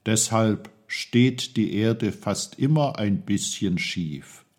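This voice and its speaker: A man's voice: lowish voice, animated, slow pace. A man voicing a kindly, playful guide who patiently explains things to a boy in a storybook reading.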